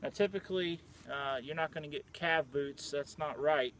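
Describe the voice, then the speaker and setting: A relaxed man talks to the camera in a loose show-and-tell way, his voice sitting a little on the high side. He is recorded outdoors on a camera mic, with a faint hum of traffic and open-air ambience behind him. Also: moderate pace. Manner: relaxed and conversational, frequent "uh" fillers. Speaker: Civil War reenactor showing his uniform.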